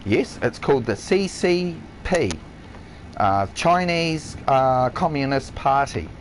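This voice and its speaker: A man's voice: mid-range voice, animated, slow pace, slight background noise, low-quality recording. A man who works as a chef, ranting on a live stream in a blunt, heavily profane, emphatic way. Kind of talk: ranting livestream monologue. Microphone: console headset or stream mic.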